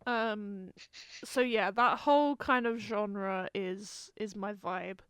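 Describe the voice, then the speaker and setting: Giggly woman with a smooth voice. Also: medium pitch, slow, a bit bright, no room sound, studio quality. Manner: giggly, rambling, trails off and restarts. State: hiccuping and burping. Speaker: podcast co-host. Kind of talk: casual chat.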